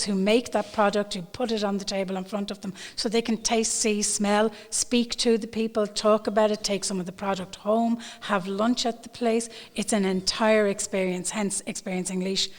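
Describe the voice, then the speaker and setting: An animated woman from Ireland talks as a tour guide on a panel and leans hard on key words. She is recorded in a large old brewery room, and the sound has a long, echoing reverb. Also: mid-range voice, normal speed, hardly any pauses. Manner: animated, emphatic, repeats for stress. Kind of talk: panel discussion.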